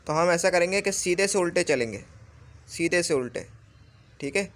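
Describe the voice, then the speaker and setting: A man with an Urdu accent teaching Arabic grammar in a patient lesson, slowly repeating each word for the learner. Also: high voice, lively intonation, a bit bright. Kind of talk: explanatory lesson.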